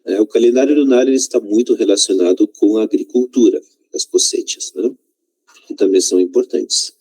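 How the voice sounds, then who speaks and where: A man whose first language is Spanish teaches a Portuguese lesson, mixing in Spanish words and checking in with "né?" and "tá?". His voice sits low, with a dark, mellow tone and a husky edge. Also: brisk, rough recording.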